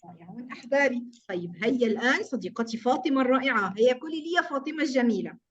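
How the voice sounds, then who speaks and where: A woman's voice: high-pitched, expressive, rapid-fire, muffled recording. A woman teaching a kindergarten class online. She speaks in an affectionate, sing-song and encouraging way over a video call. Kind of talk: online class for small children.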